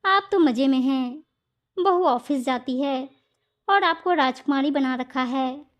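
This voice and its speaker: Storybook role: chatty sister-in-law, sharp-tongued and mocking, read by a woman. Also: sits high, a little slow. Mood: taunting. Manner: taunting, mocking.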